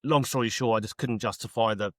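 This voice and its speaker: A man's voice: lowish voice, quick pace, fairly bright tone, dry recording, clean studio sound. A man hosting a football podcast, rambling with restarts and firm opinions in casual chat. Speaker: podcast host. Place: pub-going fan in Australia.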